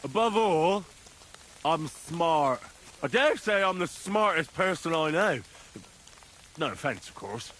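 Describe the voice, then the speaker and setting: A cocky young man from a video game, bragging and swearing as he goes. His voice sits fairly high and moves around a lot. He speaks at an unhurried pace. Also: lively intonation, a bit bright, slight background noise.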